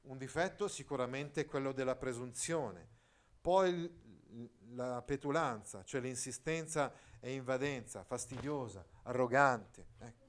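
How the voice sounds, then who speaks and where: A man's voice: mid-range voice, moderate pace, hardly any pauses. Man teaching a literature lesson. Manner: explains with asides and rhetorical questions to the class. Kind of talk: literature lesson, reading and explaining a text.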